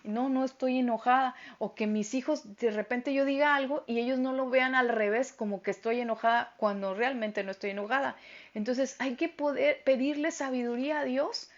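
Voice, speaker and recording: Woman, middle-aged, bible lesson, strong loud voice, slightly high, lo-fi phone recording. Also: normal speed. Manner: loud, emphatic speaking voice. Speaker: women's group Bible teacher. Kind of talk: Bible teaching talk.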